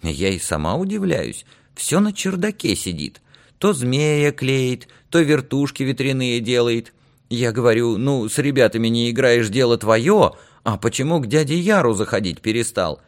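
A man's voice: medium pitch, lively intonation, moderate pace, pitched above the performer's own voice, lightly acted. A man voicing a talkative middle-aged aunt in an audiobook, chattering in a raised sing-song voice. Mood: fretful.

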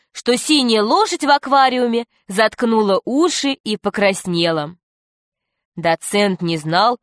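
A woman narrating a children's story for an audiobook, telling it in a steady, clear way. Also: mid-range voice, no echo, studio quality.

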